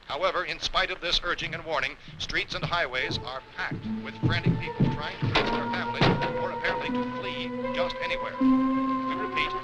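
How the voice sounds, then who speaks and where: An actor playing a grave American newsreader in a 1960s film, reading an urgent emergency bulletin. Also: male voice, high voice, big pitch swings, a little fast, poor audio. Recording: old film soundtrack, loud music behind.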